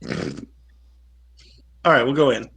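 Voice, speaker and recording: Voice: medium pitch, sing-song, very slow, vocal fry, fairly bright tone, slightly rough. Easygoing tabletop player. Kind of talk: casual tabletop play.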